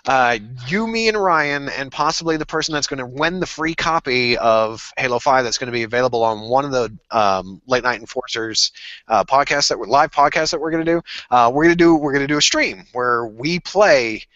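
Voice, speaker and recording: Bright-voiced joking podcast host man. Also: mid-range voice, expressive, a little fast, dry recording, highs cut off. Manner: crude, joking, rambling. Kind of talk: casual podcast chat.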